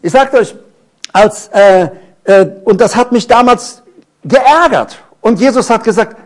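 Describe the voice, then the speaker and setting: A middle-aged male preacher in full sermon. His voice sits high and leaps up and down, lively and expressive. He draws the congregation in with questions and stories from his own past. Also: measured pace. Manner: animated, asks the congregation many questions; tells personal stories.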